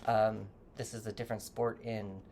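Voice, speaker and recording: This casual tarot reading is delivered directly to the viewer, with gentle guidance and a meandering flow full of self-corrections. The voice holds a level tone at medium pitch and a moderate pace, over slight background noise.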